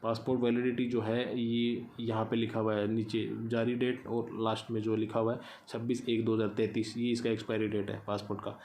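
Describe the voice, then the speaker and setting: A man's voice: lowish voice, flat delivery, a little fast, hardly any pauses, a little mellow, a little hiss or hum. A man explaining an online check step by step, repeating numbers aloud as he types them. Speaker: tutorial host. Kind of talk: screen-recorded how-to explanation.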